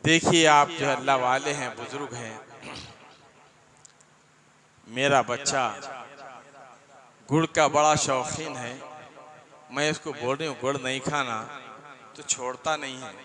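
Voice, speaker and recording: A man's voice: medium pitch, steady tone, a little slow, pauses often, lightly acted. A man voicing a mother earnestly pleading with a holy elder during a sermon. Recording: live crowd audible behind.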